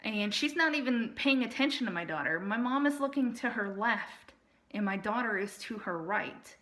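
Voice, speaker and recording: Female, adult, bright and sharp-edged voice, casual first-person storytelling with an aggrieved, explanatory delivery. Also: on the high side, lively intonation, moderate pace. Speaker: storyteller recounting personal family experiences.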